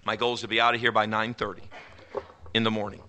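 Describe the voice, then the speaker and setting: Man, pastor, animated emphatic sermon, bright forceful tone. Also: lowish voice, fast, a little hiss or hum. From East Texas, US South. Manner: animated, emphatic preaching with folksy asides.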